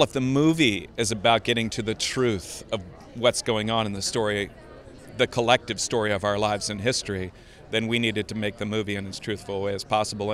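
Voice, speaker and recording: Male premiere interviewee, lowish voice, thoughtful, leaning on key words between pauses. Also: fairly bright tone. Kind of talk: red carpet interview.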